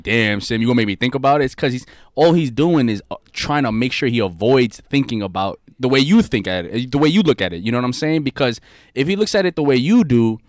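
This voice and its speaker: A man's voice: fairly low pitch, no room sound, clean studio sound. A man in his late twenties co-hosting a podcast, talking in a laid-back, slangy, reflective way. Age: late 20s. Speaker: podcast co-host. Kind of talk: casual podcast chat.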